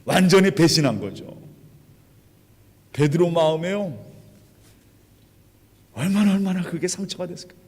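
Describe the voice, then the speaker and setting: A man preaches a sermon in a church sanctuary, and his fairly high voice rings through a long hall reverb. He retells the stories dramatically, acting out quoted lines and moving between hushed and loud passages. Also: measured pace, long pauses, husky. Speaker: pastor.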